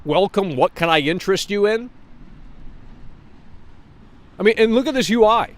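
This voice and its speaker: Blunt, sweary male game streamer, high-pitched. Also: expressive, moderate pace. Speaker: livestream host. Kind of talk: casual opinionated game commentary.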